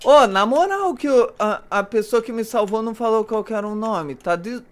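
A man doing let's play commentary, excitable, yelping and shrieking in panic as he plays. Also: sits high, moderate pace. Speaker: gamer.

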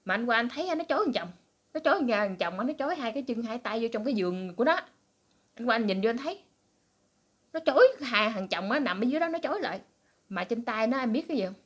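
A woman voicing a curious, excitable husband who gossips about the neighbors. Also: on the high side, fast, slightly rough. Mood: worked up. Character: curious nosy husband, middle-aged man.

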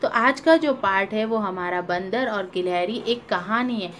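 Slow, patient woman teacher. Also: medium pitch, a bit bright, slight background noise. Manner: repeats and asks questions to young pupils. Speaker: primary school teacher. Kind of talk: children's lesson, story reading.

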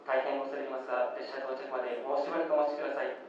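A man's voice: mid-range voice, flat delivery, very fast, a little hiss or hum. A man working as a railway station attendant, making announcements in very polite, formal honorific Japanese speech. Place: train station, heard from the platform and waiting room. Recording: echoey station PA, far off, muffled.

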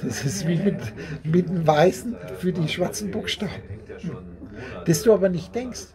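A man's voice: high voice, moderate pace, crowd noise. Guy rambling on to a little group, repeats himself, laughs a lot, people chatting behind. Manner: repetitive, circling, often laughing. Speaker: speaker at a group meeting. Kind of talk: rambling spiritual talk to a small group. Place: indoor meeting room with a small group.

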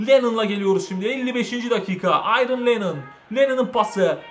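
A young man, a gaming channel host, calling his own football video game match in lively commentary, cheering his players on and shouting at their misses. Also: very high voice, a little fast, faint music behind. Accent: Turkish. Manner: shouts in excitement, scolds the players, cheers them on.

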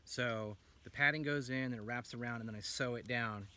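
A bright, forceful, medium-pitched voice belongs to a U.S. man in his thirties who talks a little fast as he enthusiastically presents a pack he built. Seated outdoors among forest trees, he rambles casually with many ums, picked up by a camera a few feet away.

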